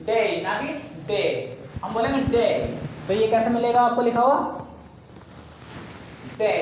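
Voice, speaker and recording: A man's voice: high-pitched, background noise. A man teaching a casual video lesson, calling the viewers "guys" and stretching out and repeating sounds to demonstrate them. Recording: very echoey room.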